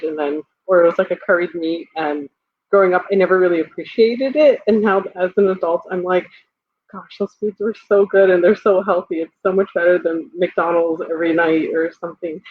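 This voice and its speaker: A young woman from Guyana speaks as a guest on a video call, chatty and full of "like." Her voice is husky and heard close and dry. The line sounds tinny, like a phone. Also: on the low side, steady tone, brisk, dry recording. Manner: chatty, lots of "like". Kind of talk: casual chat.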